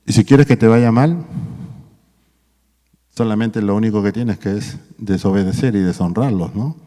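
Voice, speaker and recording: A man's voice: lowish voice, normal speed, warm tone. A man preaching a sermon, exhorting his listeners as brothers and tagging his points with questions. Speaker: pastor. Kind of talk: sermon at a marriage workshop. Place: church hall. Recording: long hall reverb.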